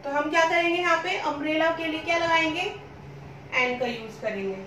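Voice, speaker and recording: A woman's voice: high-pitched, a little fast, sharp tone, a little hiss or hum. A woman teaching an English grammar lesson who keeps asking questions and then answering them herself. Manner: repetitive questioning, answers her own questions. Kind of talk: classroom-style lesson explanation. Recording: roomy echo, speaking from a distance.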